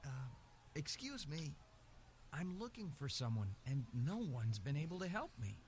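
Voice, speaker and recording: An actor voicing an earnest young male hero in an adventure game, polite but quick to get fired up. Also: a little high, big pitch swings, darkish tone, slight background noise. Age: young adult. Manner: polite, then fired-up and listing insults. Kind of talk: game voice acting.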